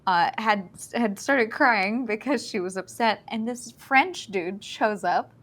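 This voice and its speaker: A woman's voice: fairly high pitch, slow, a bit bright. A woman streamer chatting casually and telling a story, with lots of filler words and restarts.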